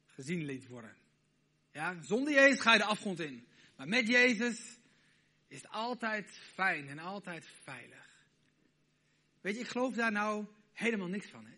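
Male preacher, high bright voice, hushed asides rising to loud emphatic lines. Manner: swings from hushed intimate questions to loud emphatic declarations. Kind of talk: sermon.

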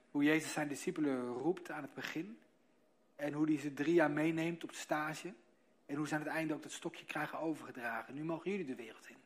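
A male preacher with a fairly high-pitched voice delivers a sermon to his church in a storytelling manner. He slows down and leans on key words for emphasis. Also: fairly bright tone.

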